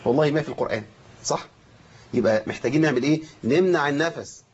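An Egyptian man with a fairly high voice teaches the rules of Quran recitation. He chants verses slowly to show each point and keeps checking that his students follow along. The recording is dull and lo-fi. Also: darkish tone, breathy edge. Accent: Egyptian Arabic.

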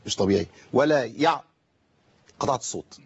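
A man with an Egyptian accent teaching Quran recitation on a broadcast lesson, explaining and slowly demonstrating verses with rhetorical questions. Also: medium pitch, expressive, creaky, breathy edge, lo-fi sound.

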